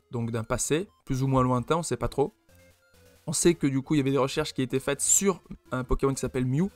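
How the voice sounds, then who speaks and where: A man with a French accent hosting an unscripted let's play, thinking aloud with many fillers and restarts. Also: medium pitch. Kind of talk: unscripted gameplay commentary.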